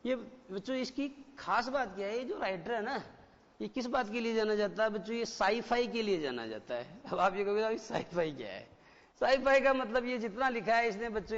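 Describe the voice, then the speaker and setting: High-voiced male teacher quizzing his class. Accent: Indian. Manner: explains step by step and keeps quizzing the students. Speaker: English teacher. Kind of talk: classroom lecture in Hindi with English examples. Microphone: satellite broadcast studio. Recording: dull, lo-fi broadcast with long hall reverb.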